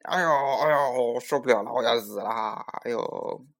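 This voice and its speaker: A man voicing a greedy, boastful big tiger in a children's story, blustering and groaning loudly. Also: medium pitch, quick pace, gravelly, close to an everyday voice. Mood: howling.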